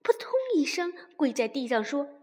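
A woman slowly reading a children's story aloud, expressive and at times dropping to a whisper. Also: high voice. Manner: slow, expressive, sometimes whispering. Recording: long reverb.

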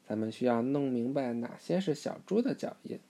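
Upbeat young explorer girl from a cartoon storybook, low-key dark tone, read by a woman. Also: expressive, brisk, exaggerated voice.

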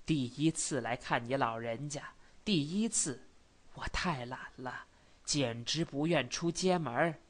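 A calm, sorrowful older scholar speaks low and quietly, each phrase measured and unhurried, as a woman reader puts him on. The voice sits deep and slow, gentle rather than forceful. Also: heavily acted. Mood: apologetic.

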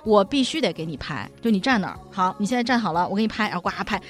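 A woman's voice: medium pitch, expressive, racing, soft background music. Exasperated woman co-host in casual chat. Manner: exasperated, mock-complaining, laughs often. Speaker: podcast co-host. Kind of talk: casual chat, comic storytelling.

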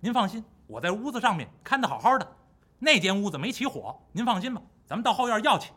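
A man voicing a boastful, brash male monkey king in a spoken folk tale, quick and self-assured. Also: sits high, sing-song, pushed and bright, breathy edge, exaggerated voice.

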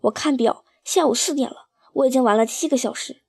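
A woman reading a first-person story aloud in an expressive, emotional way. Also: sits high, fairly quick, gravelly, breathy edge, no room sound, studio quality.

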